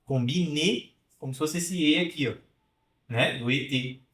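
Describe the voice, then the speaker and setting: A man whose voice is a little high and a bit bright runs an online French pronunciation lesson in an echoey room. He explains carefully, drills sounds slowly and often asks "né?" and "tá?".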